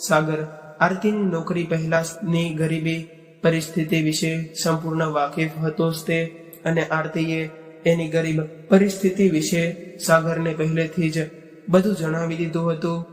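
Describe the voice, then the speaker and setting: Flat-voiced man narrating in an echoey room. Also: a little high, unhurried. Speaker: storyteller. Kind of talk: moral story narration. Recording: echoey, reverberant room with faint music. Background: faint background music.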